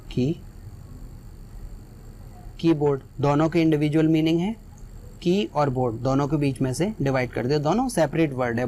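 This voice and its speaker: A man's voice: a little high, mellow, a little hiss or hum. A man teaching an English lesson in Hindi, patiently repeating each example word. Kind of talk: explaining exam lesson.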